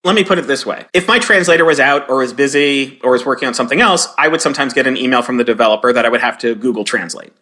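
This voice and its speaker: Bright, animated man telling stories. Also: mid-range voice, racing, hardly any pauses. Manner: animated, acts out quoted lines in a raised voice. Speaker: guest, game localizer and comedy writer. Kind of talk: conversational interview storytelling.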